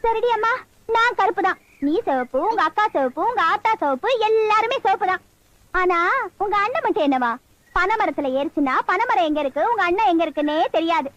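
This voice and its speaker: A woman's voice: very high-pitched, lively intonation, a bit bright, dry recording. An actress playing a chatty, mocking village woman who fusses and scolds in a film comedy. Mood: teasing. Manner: quick-tongued, mocking, scolding. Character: chatty teasing village woman, bossy and fussing.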